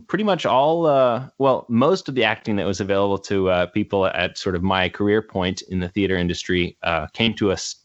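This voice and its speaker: A young man in his 20s with a very low voice, an actor and musician, is a guest in a casual interview chat. Relaxed like a podcast guest, he rambles through his story at length with lots of ums, fillers, and restarts. The sound is slightly dull and close, completely dry with no room echo.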